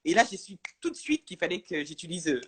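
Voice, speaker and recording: A woman's voice: lowish voice, very animated, fast talker, slightly rough. A woman talking as a guest in a casual live-stream chat, hesitant, with many restarts, over a video call.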